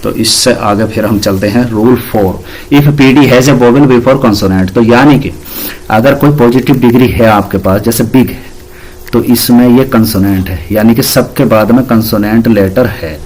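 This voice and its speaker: A man's voice: mid-range voice, unhurried, darkish tone. A man teaching an English grammar lesson, patiently explaining rules and spelling words out letter by letter.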